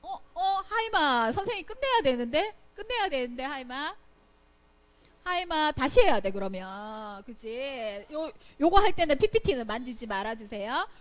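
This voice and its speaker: A woman teaching children a Bible lesson in a church Sunday school room. She keeps quizzing the children and acts out her examples with sudden loud bursts. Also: high-pitched, sing-song, moderate pace. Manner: playful, quizzing the children with questions.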